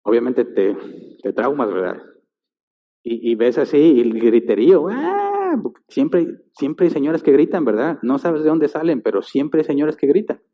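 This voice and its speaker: A man's voice: mid-range voice, normal speed. A male pastor, telling a story in a sermon and acting out the sounds and voices in it. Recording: tinny sound in a reverberant church hall.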